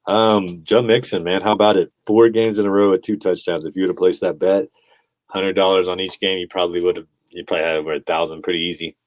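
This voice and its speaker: A man's voice: low voice, level tone, fast talker, dry recording, poor audio. A male podcast host giving blunt, opinionated sports commentary in a casual chat style, laughing at his own takes.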